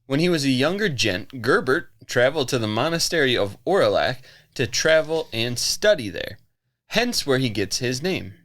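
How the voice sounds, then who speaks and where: A man's voice: medium pitch, very animated, moderate pace, a bit bright. A man co-hosting a casual podcast, telling a history story with lots of jokes and giggles. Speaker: podcast co-host. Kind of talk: casual chat.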